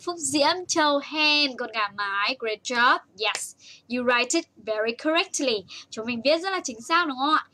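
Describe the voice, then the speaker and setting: A young woman with a Vietnamese accent teaches English to small children on a live stream, reading comments and praising them in a bouncy way. Her voice sits a little high and rings bright. She slows way down for English words and rushes through the Vietnamese. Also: animated. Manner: bouncy, praising, switches between slow English and rapid Vietnamese.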